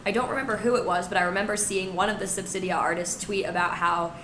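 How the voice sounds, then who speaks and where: A young woman with a hoarse, raspy smoker-like voice that is nearly gone, chatting casually and enthusiastically as a podcast co-host. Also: mid-range voice, fairly even intonation, fast talker, fairly bright tone. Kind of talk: casual chat. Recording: roomy echo with background noise.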